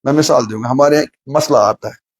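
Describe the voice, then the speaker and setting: During his sermon, this husky, medium-pitched Islamic preacher tells a humorous tale, voicing its characters. He also questions the listeners directly.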